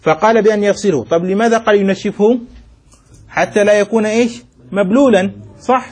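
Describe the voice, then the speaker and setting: A man's voice: high voice, fairly quick, darkish tone, husky. A man sheikh teaching a jurisprudence lesson. He reads a passage, explains it, and keeps asking short questions to check that students follow, mixing formal phrasing with colloquial asides. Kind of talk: classroom text commentary lesson.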